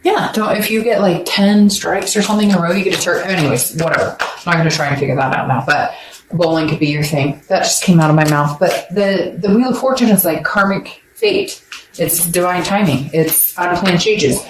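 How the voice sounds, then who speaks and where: A woman's voice: on the low side, a little fast. Woman, tarot reader, rambling, blunt, joking, echoey room, faint background hiss. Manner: rambling, blunt, swears, jokes with viewers. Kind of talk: casual tarot reading to camera.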